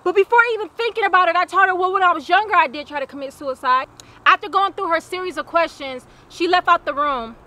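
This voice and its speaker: High, bright-voiced young woman telling her story. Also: fast talker. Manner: earnest, plainspoken, repeats phrases for weight. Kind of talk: personal testimony narration.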